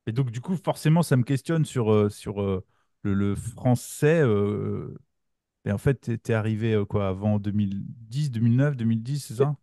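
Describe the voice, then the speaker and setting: Gravelly dark-voiced male host. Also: lowish voice, no echo, clean studio sound. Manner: blunt, halting, drawn-out fillers. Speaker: podcast host. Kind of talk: casual podcast chat.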